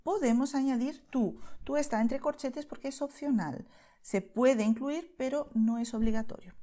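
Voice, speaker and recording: A woman's voice: high-pitched, moderate pace, warm tone. A woman from Spain with a Spain Spanish accent, teaching Spanish to beginners in a patient, explanatory way and often checking in with the learner.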